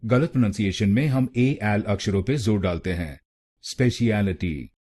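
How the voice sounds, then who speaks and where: A man with an Indian accent giving a scripted pronunciation lesson, saying each word slowly and repeating it syllable by syllable. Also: lowish voice, darkish tone, slightly rough. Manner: slow, repeats words syllable by syllable. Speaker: pronunciation teacher.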